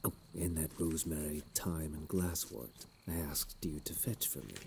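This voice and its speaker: A man playing a sinister, courteous plague doctor in a fantasy audio role-play, with a low, unhurried voice and archaic, doting yet menacing speech. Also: creaky, darkish tone, slight background noise. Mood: calm, hospitable.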